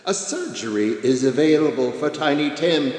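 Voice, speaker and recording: An actor playing a solemn, knowing Christmas spirit in a radio play, stately and declamatory. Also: male voice, a little high, animated, normal speed, a little mellow, lightly acted. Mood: grave. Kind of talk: live radio play acting. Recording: long echoing reverb over music.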